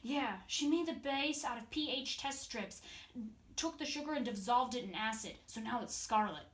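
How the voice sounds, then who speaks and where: A woman playing a cocky boy genius. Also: on the high side. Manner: cocky, excitable, quick to complain of boredom. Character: young Sherlock, clever bored know-it-all boy. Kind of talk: amateur audio drama acting. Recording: roomy echo, faint noise.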